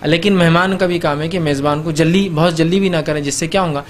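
A man's voice: fairly high pitch, fairly even intonation, fast, a little hiss or hum. A man giving a religious lecture on etiquette, talking conversationally, acting out little host-and-guest exchanges and often checking in with his listeners.

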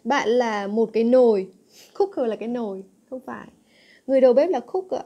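A young woman teacher explains exam answers, stopping often to check that her students follow. Her voice sits somewhat high but has a warm, mellow tone. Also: lively intonation, a little fast, highs cut off. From Vietnam. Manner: coaxing, asks frequent check questions to students. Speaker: English teacher.

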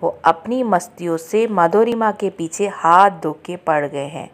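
A woman's voice: lowish voice, unhurried. A woman narrating a chatty recap for viewers, retelling quotes in her own voice. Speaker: show update narrator.

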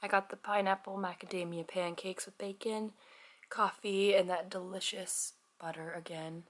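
Hoarse young woman vlogging from a hotel room. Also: medium pitch, normal speed. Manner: chatty, self-mocking, relaxed. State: hoarse, losing her voice. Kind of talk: casual vlog chat to camera.

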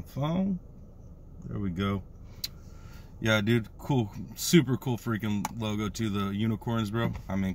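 American man talking with a lip full of dip. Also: fairly low pitch. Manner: slangy, drawn-out hype catchphrases. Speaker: product reviewer. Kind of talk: casual vlog review. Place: inside a parked car. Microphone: phone at arm's length. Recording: noticeable background noise inside a car.

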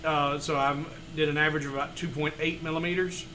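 A man in his forties walking through a woodworking design file step by step, with relaxed explanations and frequent fillers. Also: on the high side, fast, noisy background. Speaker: woodworking tutorial host. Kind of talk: screen-recorded software tutorial. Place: home studio room.

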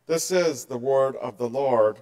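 A middle-aged man preaching a sermon from a church pulpit, measured and earnest, his voice softening at the ends of phrases. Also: medium pitch. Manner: slow, measured and earnest, voice dropping softly at line ends. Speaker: pastor. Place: church sanctuary, behind a wooden pulpit.

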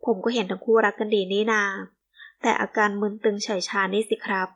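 A woman's voice: medium pitch, flat delivery, brisk, close to an everyday voice. A woman reading the lines of a polite, teasing young man in an audiobook, in a courteous manner.

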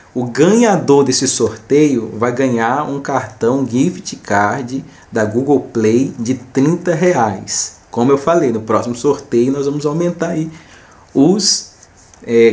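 A man's voice: medium pitch, a little mellow. A man with a Brazilian accent, casually narrating a screen recording as a channel host and addressing viewers informally, often repeating himself. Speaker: host of a small gaming video channel.

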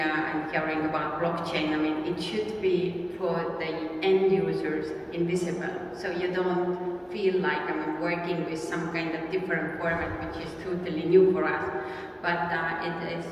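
Woman on a panel, low flat voice, kinda hesitant, far away in an echoey hall. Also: noisy background. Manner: hesitant, many fillers. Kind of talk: answering on a panel. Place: large conference hall.

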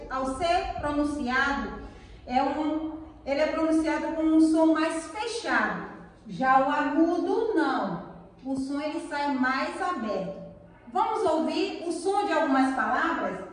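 A Brazilian woman teacher giving a video lesson for children, slowly stressing syllables as she explains. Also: high-pitched, slight background noise. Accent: Brazilian Portuguese. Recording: echoey room, voice far from the mic.

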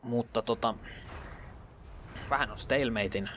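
A man talks over his gameplay in a casual, chatty stream of commentary. His voice sits at a middling pitch and now and then drops to muttered whispers, with English slang slipped in. A faint hiss of background noise runs beneath. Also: a bit bright. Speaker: let's play gamer.

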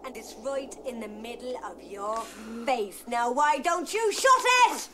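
A woman's voice: fairly high pitch, expressive, measured pace, background noise. A woman voicing a tiny elderly gnome wife in a fantasy film, scolding and sarcastic. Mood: scornful. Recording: music under the voice.

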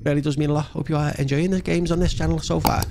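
Speaking at a racing pace, a man with a gravelly, fairly high, steady voice narrates a let's-play against a noisy background. The gaming channel host, about thirty to forty-something, chats casually and thinks aloud at his indoor setup, close to a desk mic.

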